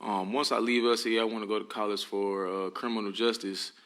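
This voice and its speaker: A teenage high school football player answers interview questions in a polite, earnest way. His voice is fairly low but strikingly bright. He speaks in a calm, measured manner. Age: teens.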